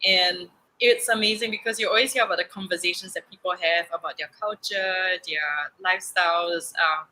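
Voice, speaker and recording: A young woman from Singapore chats as a podcast guest. Her voice is very bright and edged, pitched a little low, and she runs on with fillers, restarts and laughs. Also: steady tone, moderate pace, low-quality recording. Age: young adult. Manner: chatty, many fillers and restarts, laughs often. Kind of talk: casual interview.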